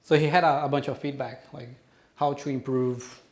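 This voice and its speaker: In a medium-pitched, steady, darkish voice at a moderate pace, a conference speaker in his thirties responds to audience questions following his talk. He has a Brazilian accent and sounds hesitant in the conference room, with many ums and restarts.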